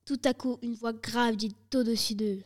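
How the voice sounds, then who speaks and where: High-voiced woman reading a storybook. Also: fairly even intonation, normal speed. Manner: reads in turns, prompting words for a partner. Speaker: reader.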